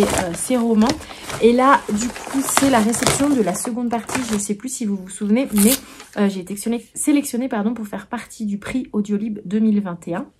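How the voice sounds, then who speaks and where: A young adult woman with a medium-pitched voice vlogs about books she received, with background noise audible. She talks casually and hesitantly, musing aloud with lots of "euh" fillers and restarts.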